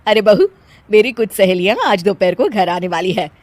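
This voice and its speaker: A woman's voice: mid-range voice, moderate pace, darkish tone, no room sound, close to an everyday voice. A woman voicing a strict middle-aged mother-in-law who scolds a lot. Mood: scolding. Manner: bossy, scolding.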